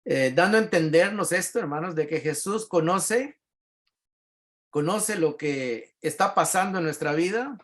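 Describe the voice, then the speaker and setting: A middle-aged man with a Latin American Spanish accent, a pastor teaching a Bible class in a relaxed, conversational way, reading verses aloud and explaining them with frequent tag questions. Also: fairly high pitch, unhurried.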